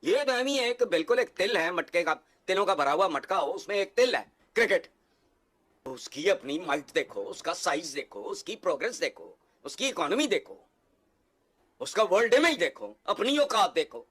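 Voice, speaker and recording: A man holds forth as a TV cricket analyst, scornful and ranting. His voice sits high and swings widely up and down. The tone is heated, like a studio debate. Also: very animated, moderate pace, a bit bright. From Pakistan.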